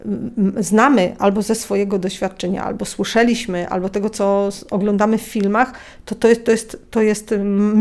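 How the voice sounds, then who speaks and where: A woman's voice: mid-range voice, a little mellow. A woman guest in an interview, telling stories animatedly with many hesitant fillers. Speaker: interview guest, researcher of a hotel's history. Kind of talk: casual interview.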